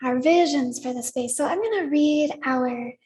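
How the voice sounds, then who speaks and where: A woman leading a congregation in worship, gently inviting them to repeat words back to her. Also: high-pitched, moderate pace, poor audio. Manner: gentle, inviting, leads call-and-response. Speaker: service leader. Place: church sanctuary.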